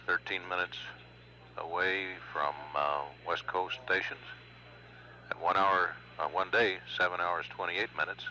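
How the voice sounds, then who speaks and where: A man giving formal, measured spaceflight status commentary as a mission control announcer, with hesitant pauses. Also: low voice, fairly even intonation, sharp tone. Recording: dull lo-fi broadcast, faint hum.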